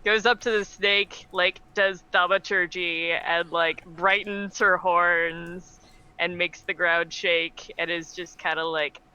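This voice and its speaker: A woman's voice: lowish voice, steady tone, slow pace, pushed and bright, clear, resonant tone, highs cut off. A woman casually improvising as a tabletop game player, hesitant and thinking aloud.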